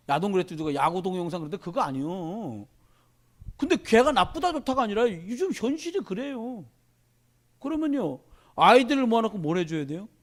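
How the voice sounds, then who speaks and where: A middle-aged male pastor preaching a sermon to his congregation in a church, talking animatedly and addressing them directly. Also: high voice.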